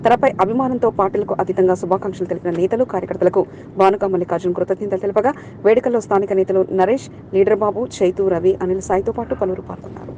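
A woman's voice: medium pitch, dull audio, slight background noise. A woman reading scripted local news as a voice-over, rattling through long lists of names. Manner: rapid, even newsreading through long name lists. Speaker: news reader.

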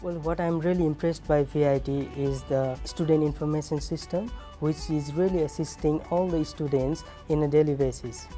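A recent graduate from Nepal speaks earnestly in a promotional video. His tone is mellow and soft. Light guitar music plays quietly behind him. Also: on the high side, fairly even intonation, moderate pace, hardly any pauses. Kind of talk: promotional testimonial.

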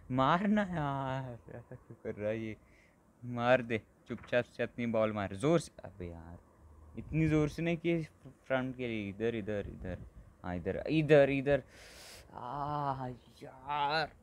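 A man giving casual live commentary on a mobile football game, excitable and exclaiming often as he talks to his viewers like friends. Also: on the low side. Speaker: gaming channel host.

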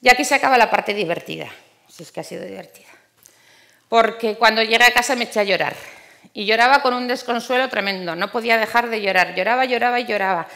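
A woman's voice: on the high side, fast, pushed and bright. Brief: middle-aged woman from Spain, ironic first-person stage monologue, repeats words for effect. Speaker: speaker giving a monologue. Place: theater stage.

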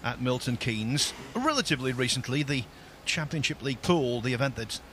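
A man's voice: mid-range voice, expressive, fairly quick, background noise. A man commentating on a pool match, giving emphatic, punchy remarks backed by stats. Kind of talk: live sports commentary.

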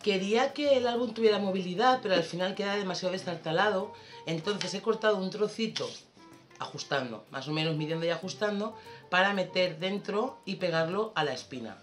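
A woman explains a scrapbooking project in a relaxed, conversational tutorial voice-over. She chats and muses aloud as she works. The sound is roomy, with faint music underneath. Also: medium pitch, a little fast. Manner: chatty, relaxed, thinking aloud while working. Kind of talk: casual craft tutorial voice-over.

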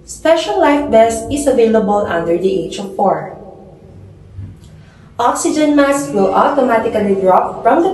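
A woman in her twenties giving a formal, measured, scripted airport and cabin announcement as a flight attendant. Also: on the high side, a little mellow. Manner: formal, measured public-address delivery. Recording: echoey, reverberant, faint background noise.

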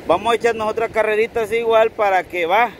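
A man with a Salvadoran accent hosting an outdoor TV game, teasing and giving instructions in a casual, lively way. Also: sits high, quick pace, slight background noise. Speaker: TV game host. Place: outdoors on a sandy shore.

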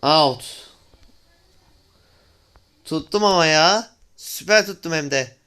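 A man's voice: fairly high pitch, slow, sharp tone, clear, resonant tone. A young man hosting a gaming channel, giving casual commentary on his play, exclaiming in frustration and talking to viewers as friends.

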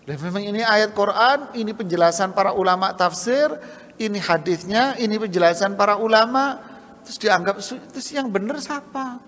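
A man preaching a sermon in a mosque, lively, and he often mimics scoffers and salesmen in quick asides. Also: sits high, in a large hall. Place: mosque hall.

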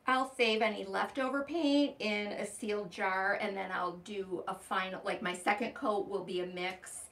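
A woman's voice: mid-range voice, fairly even intonation, normal speed, a bit bright. Older woman, far from the mic. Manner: chatty, explains steps while working. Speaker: furniture painter demonstrating. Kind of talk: live how-to demonstration and chat. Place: indoor shop basement full of furniture. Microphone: far camera. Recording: distant voice, faint room noise.

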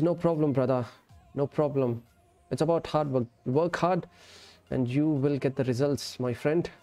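A man's voice: on the high side, warm tone. A man, chatting casually and in a friendly way as he streams a game. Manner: friendly, addresses viewers as friend and brother, switches between English and Urdu. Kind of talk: casual live-stream chat while gaming. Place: indoor streaming setup. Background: music.

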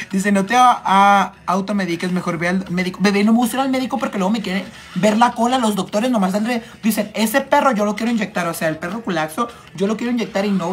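A flamboyant man with a Mexican accent hosts a casual makeup livestream and reads out his viewers' comments in a camp, chatty tone. He is fighting off a cold and keeps clearing his throat between playful, cheeky remarks. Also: sits high. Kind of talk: casual live chat, reading comments aloud.

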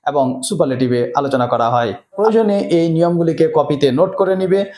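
A man's voice: a little high, lively intonation, brisk, darkish tone. A man, teaching a grammar lesson to students and explaining each rule step by step. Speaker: English teacher. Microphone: camera mic, presenter on screen. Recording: echoey room.

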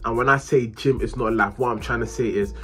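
A young man talking casually to camera in a small room, animated and full of slang. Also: medium pitch, a little fast, soft background music. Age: young adult. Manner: animated, slangy, hands moving while talking. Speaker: vlogger. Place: small bedroom, indoors.

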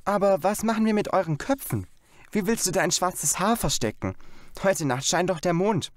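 A man voicing an eager, giggly young girl in a storybook reading, with a high, lively, pleading manner. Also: moderate pace, no echo, clean studio sound. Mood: teasing.

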